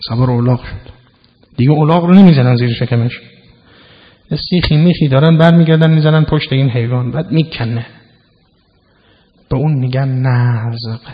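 Man preaching in an echoing hall. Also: pauses often. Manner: explains word by word, with sudden loud emphasis then low asides. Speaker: religious lecturer. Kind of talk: sermon explaining scripture. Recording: dull lo-fi recording in a reverberant hall.

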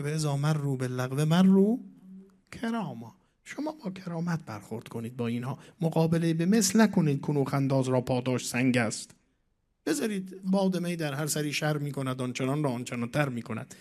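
A man giving a religious lecture as a preacher, reciting Arabic verses and Persian verse, with dramatic swings between soft and loud. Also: fairly high pitch.

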